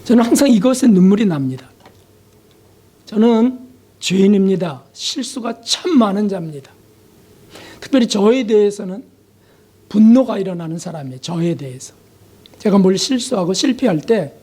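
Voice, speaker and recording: A male pastor preaching a sermon, confessional and emotional, with pauses, sudden soft drops and rhetorical questions to the congregation. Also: sits high, animated, husky.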